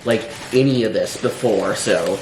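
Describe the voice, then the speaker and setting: Sitting on the low side and speaking a little slowly, a hungover man rambles through an offhand food review. He's hesitant and dryly sardonic and leans on filler words. The room echoes, and faint background noise can be heard.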